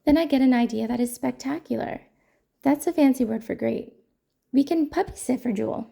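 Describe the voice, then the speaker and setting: A woman hosting a storytime channel, reading a children's picture book aloud in a gentle, playful way. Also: sits high, fairly quick, gravelly, slightly rough. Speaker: storytime host.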